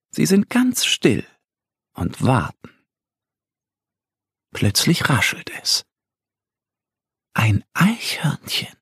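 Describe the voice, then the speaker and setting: Slow, lively storytelling man. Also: mid-range voice, husky, dry recording, clean studio sound. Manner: gentle storytelling. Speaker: narrator. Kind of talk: children's story narration.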